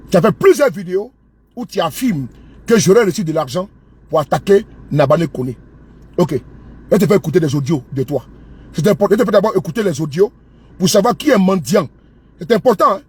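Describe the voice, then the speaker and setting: A man's voice: on the high side, a little mellow, slightly rough. A man, an online commentator, delivering a mocking rant that scolds and spells words out.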